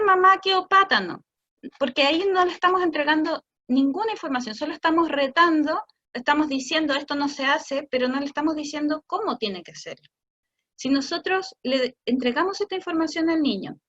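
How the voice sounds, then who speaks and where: A Chilean woman speech therapist giving a talk to parents, explaining patiently and stretching words out slowly to demonstrate them. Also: sits high, fairly bright tone, dull audio. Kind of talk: online talk for parents answering questions.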